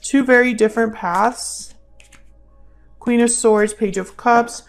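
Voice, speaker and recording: A woman who hosts a tarot channel gives a reading in a casual, intuitive style, thinking aloud and often repeating her questions and phrases. Her voice is a little high and steady, she speaks slowly, and faint music plays behind her.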